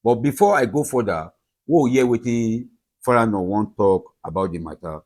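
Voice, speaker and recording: A man's voice: lowish voice, animated, moderate pace, a little mellow. Nigerian man giving commentary in Pidgin. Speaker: online commentator. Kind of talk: commentary in West African Pidgin.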